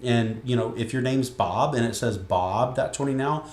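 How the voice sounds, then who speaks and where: A man's voice: medium pitch, moderate pace, a little mellow. A man walking viewers through a web page in a casual screen-recorded tutorial, folksy and joking as he goes. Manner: chatty and folksy, with jokes and asides. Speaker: software tutorial presenter. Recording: echoey room.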